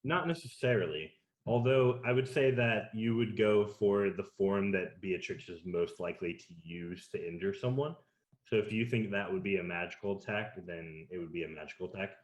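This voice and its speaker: Low-voiced man running a tabletop game. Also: normal speed. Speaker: game master. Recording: roomy echo.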